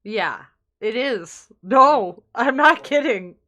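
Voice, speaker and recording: Woman streamer chatting, slow drawl, kinda high and bright, crude jokey deadpan. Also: dull audio. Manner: crude, joking, mock-serious. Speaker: livestream host. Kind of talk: casual chat on a livestream.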